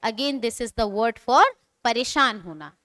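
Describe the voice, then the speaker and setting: A young Indian woman teaching spoken English in Hindi, drilling example sentences slowly and answering her own questions. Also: fairly high pitch, animated, fairly bright tone, no room sound, studio quality.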